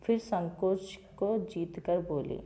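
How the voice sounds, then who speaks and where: Mellow-voiced woman teacher explaining a lesson. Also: lowish voice, takes it slowly. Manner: reads each line, then repeats and explains it in simple words. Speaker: school teacher. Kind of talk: reading a Hindi textbook lesson aloud and explaining it to children.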